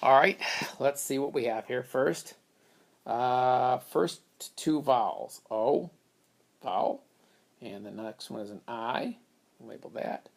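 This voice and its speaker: A man's voice: medium pitch, slow, vocal fry. A man teaching a reading lesson, patiently explaining step by step how to split words into syllables. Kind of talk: phonics lesson at a whiteboard.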